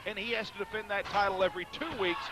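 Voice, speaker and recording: A high-voiced man calls live professional wrestling as the play-by-play announcer. His delivery is measured and articulate, with formal phrasing. The recording is a live event one, with clear noise around the voice. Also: fairly even intonation. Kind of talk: live sports commentary.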